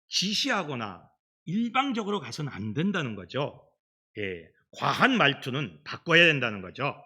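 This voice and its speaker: A middle-aged man preaching a children's Sunday sermon as pastor, in an animated storytelling manner. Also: fairly high pitch, slightly rough. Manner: animated storytelling, acts out quoted voices. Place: church sanctuary.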